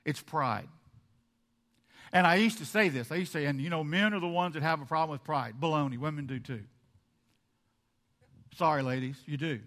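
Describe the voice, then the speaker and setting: Male pastor, high bright tone, lively sermon delivery with big loud-soft swings. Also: moderate pace, pauses often. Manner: animated, swings between loud emphasis and soft asides; acts out the congregation's objections.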